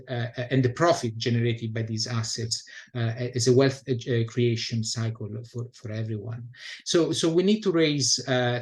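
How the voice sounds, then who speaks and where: A middle-aged man from Italy with an Italian accent, presenting his community energy group on a webinar call, with many fillers and restarts. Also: medium pitch. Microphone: video call.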